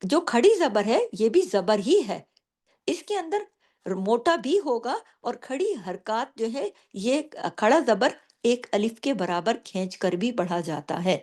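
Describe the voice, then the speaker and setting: A woman teaching tajweed, explaining the rules patiently and slowing down to recite each example, often checking in with her listeners. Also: on the high side, very animated, darkish tone. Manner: checks in often with "theek hai?".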